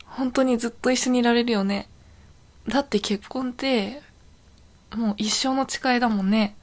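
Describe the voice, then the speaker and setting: A woman's voice: fairly high pitch, fairly even intonation, slow pace, pauses often. A woman playing a young, possessive yandere girlfriend in an intimate role-play audio drama, sounding sweet, clingy and eerily obsessive.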